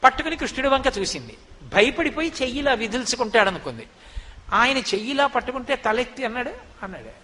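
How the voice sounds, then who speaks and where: A man gives a devotional sermon in a high, bright voice, telling a story with animation and asking his listeners rhetorical questions. A long hall reverb trails each phrase. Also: sing-song, quick pace. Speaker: religious discourse speaker.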